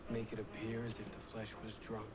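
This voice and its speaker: A male actor playing a melancholy vampire recounting his past in a TV drama, with measured, brooding, poetic narration. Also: on the low side, monotone, a loud crowd, close to an everyday voice. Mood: brooding, secretive.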